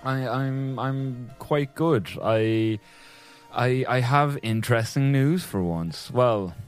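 A man's voice: mid-range voice, slow pace, clear, resonant tone, faint music behind. A man chatting casually as a podcast co-host, with a very slight lisp from aligners on his teeth and a hesitant, careful delivery. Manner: hesitant, restarting, careful with S sounds. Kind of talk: casual chat.

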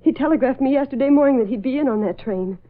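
Actress as anxious young fiancée, high voice, emotional, tinny radio. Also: female voice, quick pace, natural voice. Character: anxious young woman awaiting her soldier fiancé. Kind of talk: 1940s radio acting. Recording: tinny old radio broadcast.

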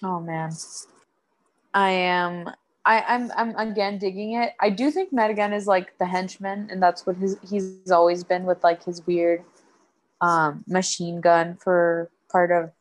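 A woman's voice: on the low side, steady tone, a little slow, poor audio. A woman co-hosting a podcast in a casual chat about a TV show, talking in loose restarts and laughing often. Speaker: podcast co-host.

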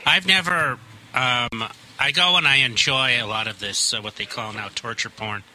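A radio co-host asking a guest a long, rambling question full of fillers and restarts. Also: male voice, medium pitch, moderate pace, bright, forceful tone, slight background noise, poor audio. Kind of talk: casual talk show question.

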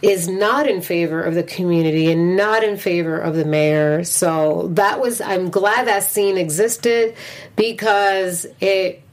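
Woman co-hosting a TV recap chat. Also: lowish voice. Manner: animated, quick to react with affirmations and laughs. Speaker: co-host of a TV after-show. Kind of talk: casual chat, episode recap.

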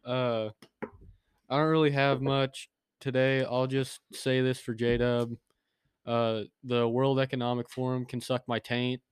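A man's voice: mid-range voice, flat delivery, unhurried, clear, resonant tone, no echo. A man co-hosting a podcast, teasing and joking crudely with his friends in a casual chat. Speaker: podcast co-host.

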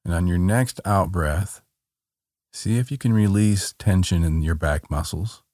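A man guiding a body-scan relaxation in a calm, meditative tone, gently giving short soothing instructions. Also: deep voice, measured pace, no room sound, clean studio sound. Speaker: meditation guide.

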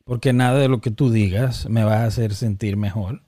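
A man's voice: lowish voice, fairly even intonation, moderate pace, warm tone. A man in casual conversation who makes his points emphatically, asks questions, and repeats himself for stress. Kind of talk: casual chat.

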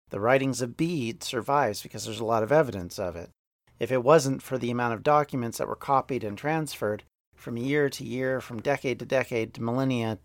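A man's voice: medium pitch, dry recording. Man explaining history, close and dry. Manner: thoughtful, restarts mid-word, slows to stress key words. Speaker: podcast host.

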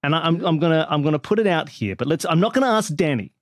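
A man on a comedy panel game, telling rambling, animated stories. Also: on the high side, fast talker, no echo, clean studio sound. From Australia.

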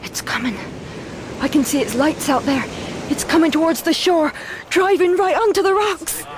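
A woman's voice: sits high, moderate pace, background noise. A frightened, resolute young woman. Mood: anxious. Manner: breathless, urgent inner narration. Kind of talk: radio drama acting.

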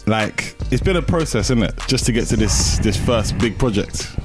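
Lower-voiced London roadman-style podcast host. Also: expressive, normal speed, music in the background. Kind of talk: casual music interview.

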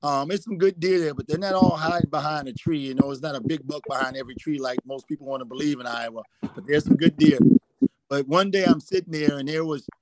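A man's voice: fairly high pitch, fast, a loud crowd, rough recording. A middle-aged man telling rambling hunting anecdotes as a guest, often repeating "I said.". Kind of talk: storytelling anecdotes.

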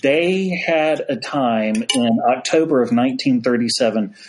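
Speaking a little slowly with a medium-pitched voice, this American priest spins a folksy story as a podcast guest, often dropping "y'all." A little hiss or hum is audible.

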